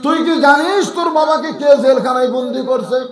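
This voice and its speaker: Bogra-dialect male preacher, high-pitched, dramatic sermon storytelling with shouted peaks. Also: brisk. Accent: northern Bangladeshi (Bogra) dialect. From Bangladesh. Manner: dramatic, swings from hushed to shouting, acts out dialogue. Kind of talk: Bengali waz sermon storytelling.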